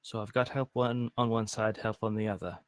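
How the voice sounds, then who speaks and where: A man's voice: on the low side, steady tone, fairly quick, no echo. A man playing a tabletop game in character, talking things through in an earnest, deliberating way. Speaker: player. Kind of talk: in-character tabletop role-play.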